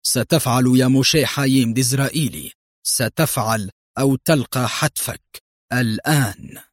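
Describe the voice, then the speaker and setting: A man's voice: medium pitch, brisk, no room sound, studio quality, lightly acted. A man voicing a stern, commanding spy chief. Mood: stern threat. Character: stern male intelligence officer, commanding.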